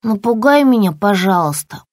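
Brief: a woman doing a tiny, pleading girl lizard, high and lively. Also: normal speed, loud music behind the voice. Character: small frightened young girl lizard.

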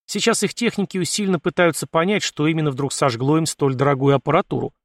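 Ship AI with a smirk, man reading, audiobook, slightly high voice, dry close sound. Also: fairly even intonation, fast, dry recording, close to an everyday voice. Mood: mocking. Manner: dry, mocking, matter-of-fact. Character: wry sarcastic male ship AI.

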